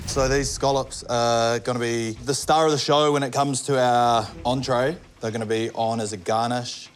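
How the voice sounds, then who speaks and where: A man's voice: mid-range voice, steady tone, moderate pace. A New man competing on a cooking show, laid-back and pushing back while he works. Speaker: cooking contestant. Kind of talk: reality TV kitchen talk. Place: busy competition kitchen. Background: background music.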